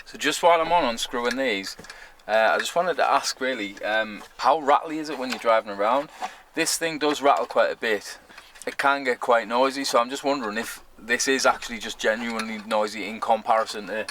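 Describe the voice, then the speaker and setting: He talks fairly quickly with hardly any pauses, his mid-range voice a bit bright, over a little hiss or hum. The speaker is a man from Sunderland with a moderate Mackem accent, casually vlogging DIY work on a camper van, blunt, colloquial and sweary.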